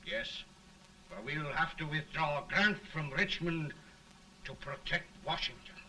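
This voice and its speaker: An actor playing an anxious, formal officer who advises a president, speaking in a clipped, worried way, heard through early talkie film sound. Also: male voice, fairly high pitch, measured pace, sharp tone, recorded from a distance, slight background noise, poor audio.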